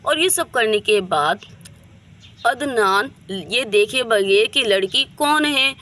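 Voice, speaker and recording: A woman narrating a doll story in a steady, plain storytelling manner. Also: a little high, takes it slowly.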